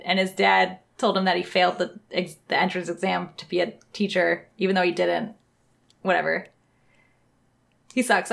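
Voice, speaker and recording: A young woman co-hosting a casual podcast chat, animated and giggly, with lots of "like" fillers. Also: lowish voice, creaky. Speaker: podcast co-host. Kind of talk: casual chat reviewing manga.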